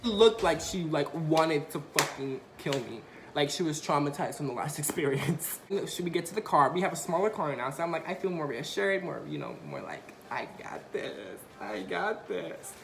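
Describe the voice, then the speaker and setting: A man's voice: fairly high pitch, fairly quick, hardly any pauses, echoey room, noisy background. A young man vlogger telling a story casually, acting out the quotes with energy. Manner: animated, acts out quotes.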